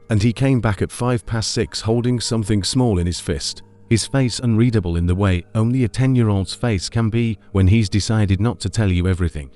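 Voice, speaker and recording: A man with a low voice narrating a scripted scary story in a measured, somber way. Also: mellow.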